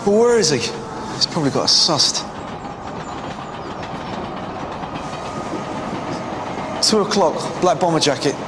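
An actor playing a nervy, apologetic small-time criminal with a British accent in a TV drama. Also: male voice, on the high side, animated, fairly quick, lightly acted. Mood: nervous. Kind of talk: British TV police drama acting. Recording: loud street and vehicle noise.

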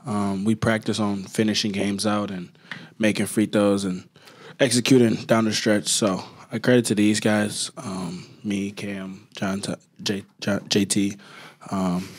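A male college basketball player gives a short, unhurried answer at a postgame press table. His voice sits a little low. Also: flat delivery.

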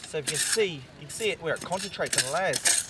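A man's voice: a little high, expressive. A man casually explaining what he points at by a river, repeating words as he goes. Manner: halting, repeats words while pointing things out. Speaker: local explaining river sand. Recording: loud background noise on camera audio.

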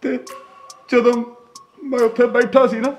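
A man's voice: extremely high pitch, little pitch movement, dull audio, soft background music. An actor playing a frightened young village man, crying and pleading, with a Malwai Punjabi accent. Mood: tearful. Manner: tearful, pleading, halting. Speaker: nephew in a family drama. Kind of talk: web series acting.

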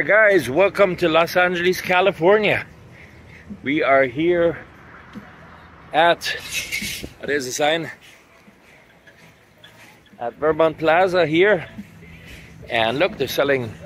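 A middle-aged travel vlogger narrates casually as he walks around city streets and parking lots, speaking directly to viewers and pointing out his surroundings. His fairly high, slightly bright voice is slow with frequent pauses, captured by a phone or camera held at arm's length amid street and vehicle noise.

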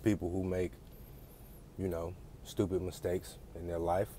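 Man, deep voice, blunt profane rant, lecturing tone, faint ambient hiss. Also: level tone, measured pace, warm tone. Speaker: vlogger. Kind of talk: casual ranting monologue.

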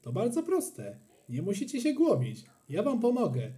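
A stern school supervisor full of mock sweetness, as a man reading the story puts him on. He swoops up high in a lively, singsong way, with a dark, mellow tone. Storybook reading. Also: moderate pace. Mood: sarcastic.

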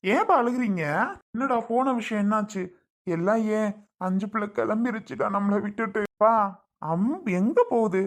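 A woman voicing an elder brother who calmly reassures his father and sister. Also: mid-range voice, normal speed, natural voice. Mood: reassuring. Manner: reassuring, matter-of-fact. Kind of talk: family skit acting.

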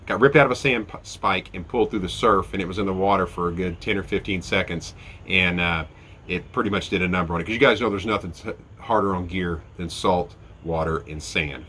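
A man in his forties with a lowish, pushed, bright voice reviews fishing gear for his channel, congested and nasal from a head cold. The chatty, step-by-step, filler-laden review was recorded close on an outdoor deck and carries a little hiss or hum.

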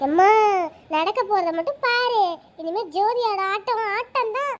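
A scheming young wife, voiced by a woman in a cartoon. She sounds sweet and earnest but sly, in a very high, girlish voice. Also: unhurried. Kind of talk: cartoon voice acting.

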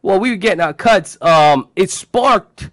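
A man's voice: sits high, animated, measured pace, fairly bright tone, dry recording. Brooklyn-accented man bantering on radio, dry close sound. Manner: slangy, profane, repeats phrases. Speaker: radio show host. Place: small radio studio. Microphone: close studio microphone with headphones.

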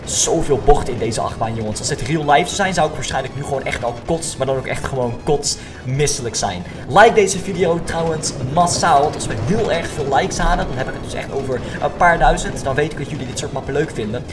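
A young man doing excited Minecraft gameplay commentary, addressing viewers and dropping English slang into his speech. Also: a little high, a little fast, over music. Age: young adult. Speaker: gaming YouTuber.

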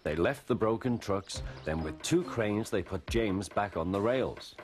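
A man reading a children's story aloud in a gentle, expressive storytelling style. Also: on the low side, unhurried. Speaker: narrator. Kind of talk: scripted storybook narration. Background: music.

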